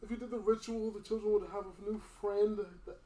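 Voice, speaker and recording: A man's voice: sits high, level tone, fairly quick, dark tone, natural voice. A man voicing a frightened elderly village man who pleads and rambles through tears, in a roomy recording. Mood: nervous. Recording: roomy with faint noise.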